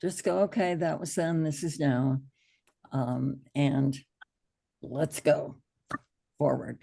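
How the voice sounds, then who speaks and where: A middle-aged American woman with an allergy-roughened, gravelly voice teaches hypnosis online in a relaxed, reassuring, encouraging manner. She takes her time, keeping a low, warm voice with fairly even intonation.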